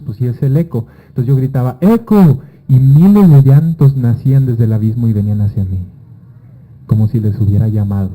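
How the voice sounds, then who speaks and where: A man with a very dark, mellow voice speaks to a festival audience about his book. He reads aloud and then retells a dream with lively storytelling. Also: mid-range voice, poor audio. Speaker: author presenting his book. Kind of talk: book presentation talk with reading. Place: festival event before a live audience.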